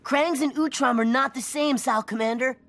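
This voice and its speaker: A woman's voice: high-pitched, moderate pace, heavy background noise, lightly acted. A woman voicing a brash, impatient teenage turtle hero with slangy, urgent talk in a game cutscene. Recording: loud game music behind.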